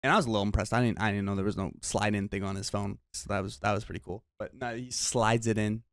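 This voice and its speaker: A man's voice: fairly low pitch, fairly even intonation, quick pace, dry recording, studio quality. Exasperated young man telling a story. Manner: exasperated, rambling storytelling with repeated words and slang. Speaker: vlogger. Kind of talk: storytime vlog.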